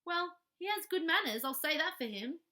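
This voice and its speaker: A woman voicing a fierce but kindly housekeeper in a children's story, brisk, bossy and given to exclaiming. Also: very high voice, animated, pushed and bright, voice pushed up, heavily acted. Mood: brisk, grudging. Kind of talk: children's storybook character reading.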